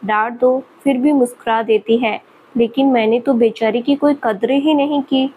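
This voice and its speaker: Woman voicing a young male professor, teasing, mischievous, light higher voice, storybook reading. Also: fairly even intonation, moderate pace, narrow, tinny audio, slight background noise, natural voice. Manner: teasing, laughing at her.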